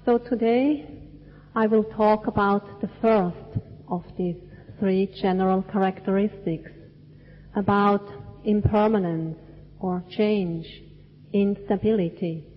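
A woman from Switzerland gives a dharma talk at a very unhurried pace, weighing each short phrase. Her voice trails off into the long reverb of a large cinema hall. The recording sounds dull and lo-fi. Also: mid-range voice, fairly even intonation. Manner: slow, measured, deliberate phrasing. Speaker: Buddhist teacher.

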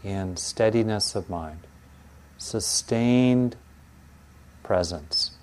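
A man teaching a guided meditation in a soothing, gentle, unhurried manner with pauses between phrases, like a calm yoga teacher. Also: lowish voice.

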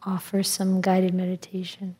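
A woman leading guided meditation as a teacher, in a calm, gentle meditative manner with long pauses and a soft, slightly husky voice. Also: fairly low pitch.

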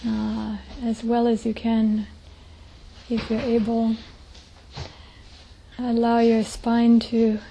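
A woman with a slightly high, monotone voice leads a guided meditation as a teacher, speaking gently in a soft, breathy hush with long pauses. The audio is poor, with slight background noise.

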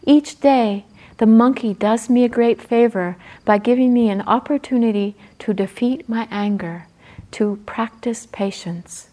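Woman doing a gentle, patient old buffalo. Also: a little high, close to an everyday voice. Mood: calm. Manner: slow, soft, measured.

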